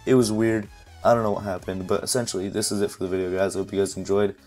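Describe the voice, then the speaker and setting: A man with a hoarse, fading voice casually talking viewers step by step through a software setup at his computer mic. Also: deep voice, fast, soft background music. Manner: relaxed, step-by-step, leans on "essentially" and "uh". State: hoarse, voice fading after losing it. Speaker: tutorial youtuber. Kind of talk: casual screen-recording tutorial.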